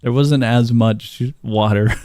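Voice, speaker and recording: Guy streaming a game, reads npc lines out loud and chuckles a lot, warm low-key tone, dry mic. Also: no room sound. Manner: reads game dialogue aloud, chuckles often. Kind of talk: casual gameplay commentary.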